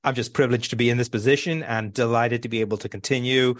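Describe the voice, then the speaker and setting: A man's voice: mid-range voice, steady tone, fast talker, no echo. Man with a light Irish lilt. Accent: light Irish, tinged with New York. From Ireland. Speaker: guest, executive of a community organization. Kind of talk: conversational interview answers.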